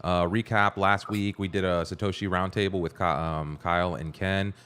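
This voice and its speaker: A young man with a very low voice hosts a casual podcast stream. He sounds upbeat and loose, chatting easily and greeting viewers as he goes. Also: fairly even intonation, normal speed, fairly bright tone, clear, resonant tone. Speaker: podcast host. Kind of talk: casual livestream podcast hosting.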